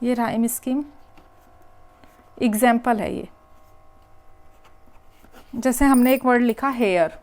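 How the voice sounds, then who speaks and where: A woman's voice: on the high side, slow, pauses often, darkish tone. A woman teacher, working through an exam paper step by step and repeating the key words. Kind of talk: exam paper walkthrough lesson.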